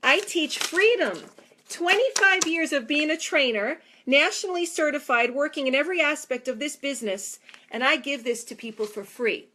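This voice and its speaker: A woman's voice: sits high, normal speed, pushed and bright, slight background noise. Chatty New York trainer woman. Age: 40s. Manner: chatty, earnest, emphatic. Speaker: fitness trainer. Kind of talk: casual vlog talk.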